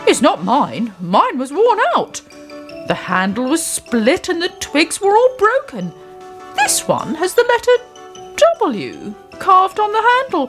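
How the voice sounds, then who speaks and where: Lady doing an old shuffly gardener, polite, careful, high and slow. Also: a bit bright, exaggerated voice.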